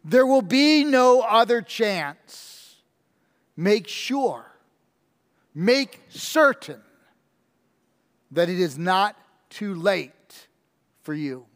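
High-voiced pastor preaching slowly in a reverberant hall. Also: male voice, very animated. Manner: earnest storytelling with slow, emphatic repetition. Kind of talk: sermon.

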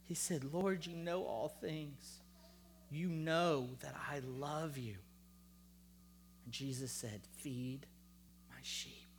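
Slow, high-voiced preaching man. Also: a little hiss or hum. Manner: emphatic, call-and-response preaching that drops to a hushed voice for scripture. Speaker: pastor. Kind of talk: sermon.

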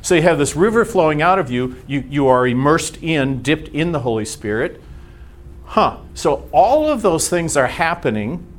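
A man's voice: fairly high pitch, lively intonation, moderate pace. American man teaching an informal Bible class. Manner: conversational, rhetorical questions, acts out imagined reactions. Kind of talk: informal teaching talk to a church group.

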